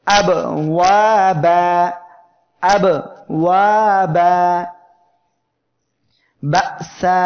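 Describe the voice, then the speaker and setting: A man teaching Quranic pronunciation in a slow, explanatory way, drawing out letter sounds as examples. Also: on the high side, highs cut off. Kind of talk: tajweed lesson.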